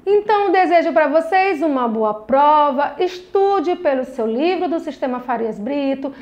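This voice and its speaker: High-voiced teacher stretching syllables slowly. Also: female voice, expressive, darkish tone. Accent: Brazilian Portuguese. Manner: slow, drawn-out syllables, encouraging and patient. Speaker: primary school teacher. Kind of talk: recorded video lesson for children.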